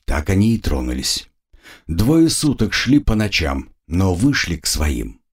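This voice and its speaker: A man's voice: deep voice, sing-song, unhurried, husky. A man narrating a war adventure novel as an audiobook, in a grave storytelling manner. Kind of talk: scripted narration.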